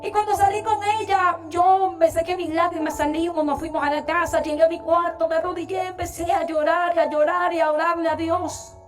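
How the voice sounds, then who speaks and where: Young woman, very high voice, testimony from the pulpit; heartfelt storyteller, distant church mic over soft music. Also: fairly even intonation. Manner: heartfelt, storytelling with long pauses. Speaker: church singer giving a testimony. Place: church sanctuary.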